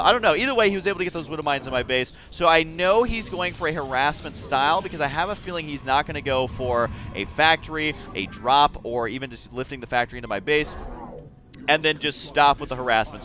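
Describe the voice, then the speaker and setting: A man's voice: on the high side, bright, forceful tone. A man giving casual game commentary, explaining his thinking in a restless way with frequent restarts. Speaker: host.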